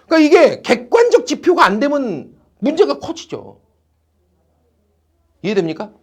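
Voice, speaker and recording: High-pitched, animated male teacher. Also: normal speed. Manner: animated, teasing, blunt slang with students. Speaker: academy teacher. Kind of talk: classroom lecture. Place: classroom.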